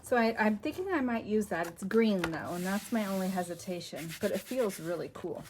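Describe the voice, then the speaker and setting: A woman's voice: mid-range voice, lively intonation, fairly quick. Slightly breathless woman rambling about her craft project, a bit scattered, faint hiss behind. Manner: chatty, scattered and apologetic. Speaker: crafting channel host. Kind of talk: casual chat.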